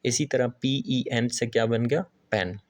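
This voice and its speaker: Deliberate male teacher quizzing his class. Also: medium pitch, steady tone, a little mellow. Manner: asks the class rhetorical questions and answers them; reads English definitions slowly and deliberately. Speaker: English teacher. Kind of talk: classroom-style video lesson.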